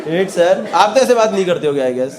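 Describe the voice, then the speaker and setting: A male stand-up comedian, doing quick, teasing crowd work that mixes Hindi and English. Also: sits high, animated. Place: live comedy venue with laughing audience. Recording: loud crowd laughter and noise.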